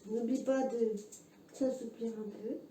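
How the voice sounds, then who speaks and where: A high-voiced woman talks slowly and breathlessly as she exercises at home, stopping often for fillers. She sits far from the mic, and the room noise is clearly heard around her. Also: fairly even intonation, warm tone. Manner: chatty, filmed mid-exercise, filler-heavy. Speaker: fitness vlogger. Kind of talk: casual home workout vlog.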